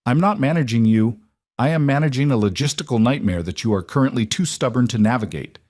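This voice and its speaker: A man's voice: mid-range voice, lively intonation, normal speed, a little mellow, dry recording, clean studio sound, voice pushed up, natural voice. A man voicing a commanding, controlling wealthy male CEO who speaks curtly. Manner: curt, commanding.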